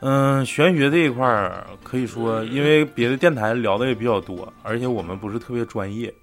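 A man with a Northeastern Chinese accent hosts a casual talk show. His voice sits at a middle pitch. He talks in an earthy, joking, sweary manner, with faint music in the recording. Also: a little fast. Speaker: podcast host. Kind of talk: casual chat with bantering commentary.

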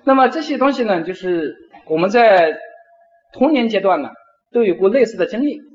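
A middle-aged man, a university professor, giving a lecture and telling stories with drawn-out particles. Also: high voice, dull audio. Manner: animated storyteller, frequent drawn-out particles. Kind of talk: lecture with storytelling.

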